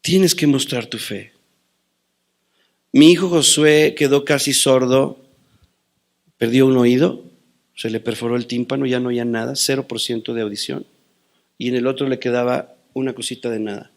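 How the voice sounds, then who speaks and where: Gravelly-voiced man preaching a dramatic sermon. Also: medium pitch, steady tone, moderate pace, pauses often. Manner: dramatic preaching, swinging between loud declarations and hushed asides; quotes scripture and tells personal stories. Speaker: pastor.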